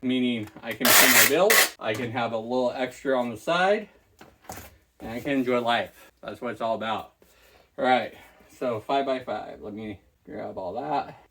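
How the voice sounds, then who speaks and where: A man's voice: medium pitch, moderate pace, sharp tone, a little hiss or hum. A man running a reseller vlog who talks casually and thinks aloud as he packs and ships orders, thanking each buyer by name. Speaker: online reseller. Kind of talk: casual packing-and-shipping vlog.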